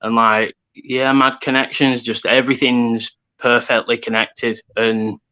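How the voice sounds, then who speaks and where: A man in his thirties in casual chat, rambling excitedly about number connections. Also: mid-range voice, unhurried, smooth, muffled recording. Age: 30s.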